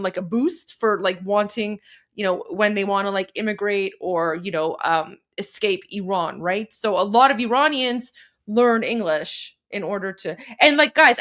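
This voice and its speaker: Speaking in a medium-pitched, fairly bright voice, a Canadian livestream host keeps things casual and chatty, her speech full of fillers. She is a native Persian speaker who speaks English fluently.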